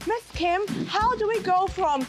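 A woman hosting a children's educational show, gasping with wide-eyed excitement as she asks questions. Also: very high-pitched, unhurried, over loud music. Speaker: kids' show host. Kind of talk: bubbly children's educational presenting.

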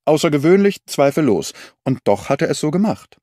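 A man voicing Sherlock Holmes, a sharp detective putting measured, probing questions in an audiobook. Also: on the high side, big pitch swings, dry recording, studio quality, pitched above the performer's own voice.

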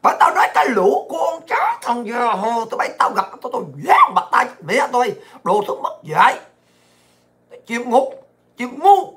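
A woman vlogger rants through angry political commentary. Her voice sits fairly high and rings sharp and forceful. She hurls abuse and often breaks into shouting. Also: very animated, normal speed. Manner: ranting, abusive, often shouting.

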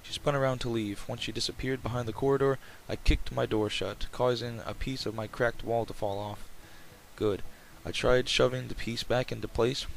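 A man's voice: mid-range voice, rough recording. Casual man reading aloud over background noise. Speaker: let's player reading a visual novel aloud. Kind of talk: reading game text aloud with casual asides. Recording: clear background noise, game ambience.

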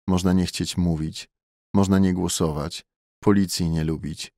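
Male audiobook narrator, very low voice, measured and steady, dry close studio sound. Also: creaky, no echo.

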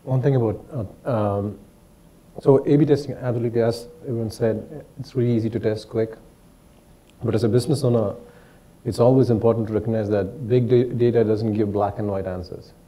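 A man in his thirties speaking as a panelist in a lecture hall on a lapel mic, measured and explanatory. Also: fairly low pitch, steady tone, warm tone. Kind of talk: panel discussion.

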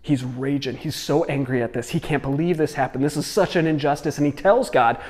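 A man preaching a short video sermon, retelling a Bible story in a lively, dramatic way. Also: a little high, a little fast, big-room sound. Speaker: pastor.

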